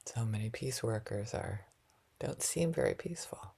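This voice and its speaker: A woman teaching a loving-kindness meditation in a soft, often half-whispered, gentle and reflective way, with light laughs at herself. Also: very deep voice, expressive, normal speed, gravelly, breathy edge.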